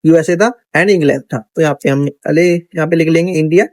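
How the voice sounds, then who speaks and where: High-voiced man teaching coding casually. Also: fairly even intonation, a little fast, no echo. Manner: chatty, thinks aloud, frequent "theek hai" check-ins. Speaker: coding instructor. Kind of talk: casual screen-recorded coding tutorial.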